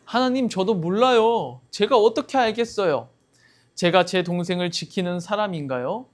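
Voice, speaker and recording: A man's voice: a little high, lively intonation, unhurried. A man voicing a jealous, angry young older brother who talks back brazenly, in a Bible story told to children. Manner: indignant, brazen.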